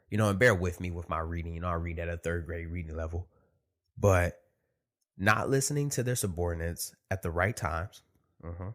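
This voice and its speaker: Lisping, swollen-tongued man podcasting solo, lower voice. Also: a bit bright. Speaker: podcast host. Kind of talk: casual solo podcast monologue with profanity.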